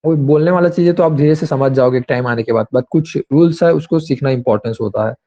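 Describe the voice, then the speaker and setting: A man's voice: medium pitch, fast talker, mellow, lo-fi sound. A man teaching an English grammar class online, explaining patiently and repeating examples with many fillers.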